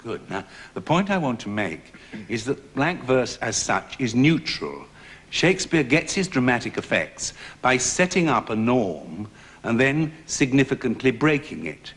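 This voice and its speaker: A man directing actors and explaining verse rhythm in a measured, precise way, sometimes tapping out beats. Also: medium pitch, big pitch swings, a bit bright. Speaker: director teaching verse speaking.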